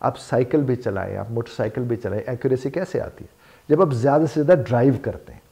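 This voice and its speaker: A man's voice: medium pitch, fast talker, warm tone. A man gives a motivational lesson on spoken English, explaining with everyday examples and repeating phrases for emphasis. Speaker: life coach teaching spoken English.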